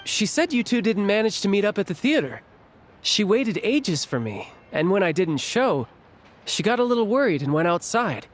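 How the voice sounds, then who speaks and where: A man's voice: high voice, sing-song, moderate pace, slight background noise. An actor playing a cocky young male warrior and teasing older brother, easygoing in his speech. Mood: apologetic.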